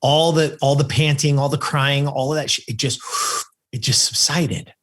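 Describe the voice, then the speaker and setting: A man's voice: mid-range voice, moderate pace. A man in his fifties from California, a podcast guest telling a personal story with emphatic repetition. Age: 50s. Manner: animated storyteller who acts out the people he quotes.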